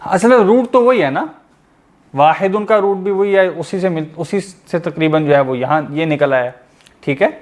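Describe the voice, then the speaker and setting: A man's voice: on the high side, normal speed. A man teaching a grammar lesson over an online class. He explains step by step, asking the class questions and then answering them himself.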